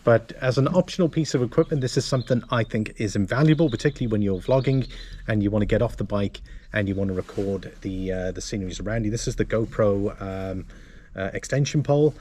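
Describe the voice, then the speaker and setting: Low-pitched man vlogger with background noise. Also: quick pace, a little mellow. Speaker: motovlogger and presenter. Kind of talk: casual product walkthrough to camera.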